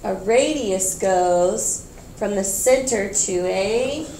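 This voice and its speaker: A woman's voice: medium pitch, slow pace, dark tone, slight background noise. A woman teaching a geometry class, explaining patiently, repeating key points and checking in with her students. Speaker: math teacher.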